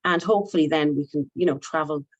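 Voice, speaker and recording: Irish woman psychologist, reflective online talk, gentle and hesitant, video-call mic. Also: low-pitched, fast, muffled recording. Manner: gentle, hesitant, many ums and self-corrections.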